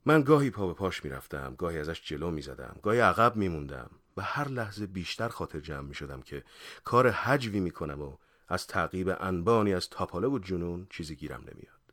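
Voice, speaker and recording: A man narrating a first-person story in a lively, expressive reading. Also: low voice, no echo, studio quality.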